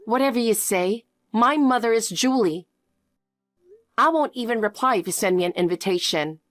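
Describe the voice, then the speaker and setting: Woman doing a cold young girl, flat and curt, kinda high. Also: moderate pace, dry recording, clean studio sound, faint music behind. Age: young adult. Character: cold, firm young woman, estranged daughter. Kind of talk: animated story voice.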